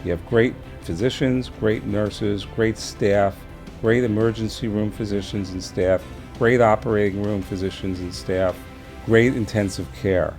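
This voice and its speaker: A man speaking in a steady, admiring way about a colleague in an interview. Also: on the low side, a little slow. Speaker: hospital colleague. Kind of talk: tribute interview. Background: soft background music.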